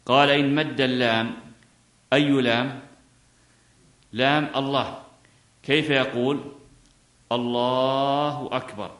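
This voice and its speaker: A man's voice: medium pitch, fairly even intonation, measured pace, pauses often, fairly bright tone, echoey room. A man teaching a lesson on a classical legal text, reading a line and then explaining it by asking questions and answering them himself. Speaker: teacher of Islamic jurisprudence.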